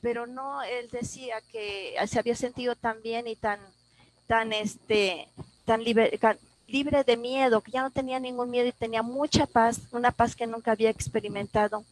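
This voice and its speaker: A woman's fairly high, dry-sounding voice, close to the mic, with nothing of a room around it. She tells a personal story to a class in a halting, emotional way, full of restarts and repeated words. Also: fairly even intonation, dry recording, poor audio. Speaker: class participant. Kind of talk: personal testimony in a class discussion.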